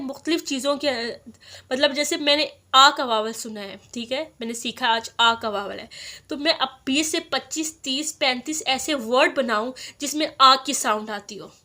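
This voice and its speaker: A woman teaching a stenography lesson, reading rules slowly and repeating example words to drill vowel sounds. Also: high-pitched, bright, forceful tone. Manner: reads English rules slowly, then explains in Hindi. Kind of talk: spoken lesson.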